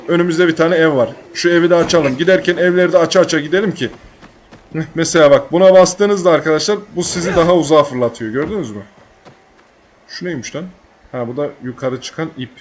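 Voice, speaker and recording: A man's voice: a little high, fast talker, slight background noise. A young man giving casual let's-play commentary, joking, swearing and bantering at the game. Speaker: gaming YouTuber.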